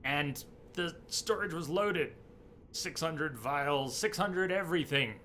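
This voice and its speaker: A man giving casual live gameplay commentary as a streamer, haltingly thinking aloud. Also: a little high, bright, forceful tone. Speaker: video game streamer. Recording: noisy, game sound behind voice.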